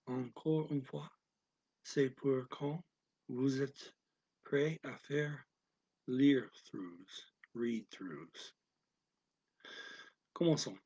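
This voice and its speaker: A male language teacher works phrase by phrase, alternating each line with its translation in a soft voice that sometimes sinks almost to a whisper. He speaks extremely slowly with a husky, breathy tone. The sound is dry and close, with no room around it. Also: medium pitch, no echo, poor audio. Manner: deliberate, alternates each English phrase with its French version.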